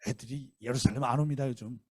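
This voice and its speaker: A man preaching acts out a timid junior priest who reports in a hushed, deferential way. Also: medium pitch, fairly even intonation, fast, no room sound, clean studio sound, voice pushed down, close to an everyday voice. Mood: meek.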